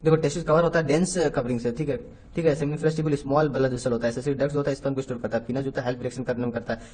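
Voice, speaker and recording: A man teaching a rapid exam revision lecture, mixing Hindi with English science terms and marking each statement right or wrong. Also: mid-range voice, steady tone, a little mellow. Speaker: biology teacher.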